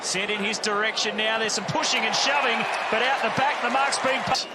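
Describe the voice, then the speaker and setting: A male play-by-play commentator calls football in excited, clipped phrases. His voice sits very high, and a very loud crowd roars all around it. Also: fairly quick. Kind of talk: live sports commentary. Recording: very loud stadium crowd noise. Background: roaring stadium crowd.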